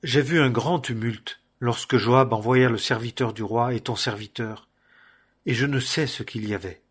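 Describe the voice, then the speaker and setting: A man's voice: mid-range voice, normal speed, slightly rough, close to an everyday voice. A man reading the lines of an eager young messenger during a scripture reading. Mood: reverent.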